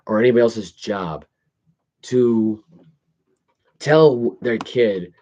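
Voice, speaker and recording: A man's voice: mid-range voice, slow pace, warm tone, slight background noise. A man hosting a podcast, reading and commenting on news casually, stumbling over words with imprecise articulation. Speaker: podcast host. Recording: dull lo-fi audio.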